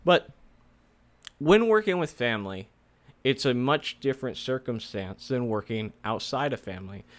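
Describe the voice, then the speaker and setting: Male vlog host, medium pitch, casual rambling explainer, light slur from wearing retainers. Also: animated, normal speed. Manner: slightly slurred speech from wearing retainers. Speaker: host, software developer giving career advice.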